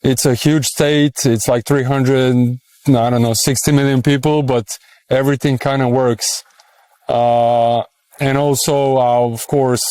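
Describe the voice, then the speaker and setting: A Serbian-accented man in his thirties talks casually, pausing often and filling gaps as he thinks aloud. His voice is smooth and resonant at a middling pitch. The sound is dry and close. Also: a little mellow, no room sound. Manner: hesitant, many fillers, thinks aloud. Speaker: interviewee. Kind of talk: casual street interview.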